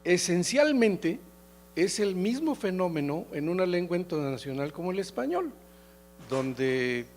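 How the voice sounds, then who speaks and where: A middle-aged man from León with a Mexican Spanish accent, giving a halting academic lecture full of hesitations and restarts. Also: high voice, very animated, a little mellow. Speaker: keynote lecturer.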